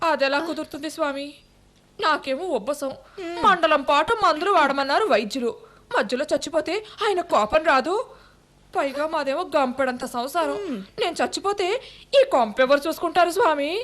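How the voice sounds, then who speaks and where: An actress playing a loud, selfish mother who wails melodramatically over her son in a comic drama. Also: high-pitched, brisk. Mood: whining.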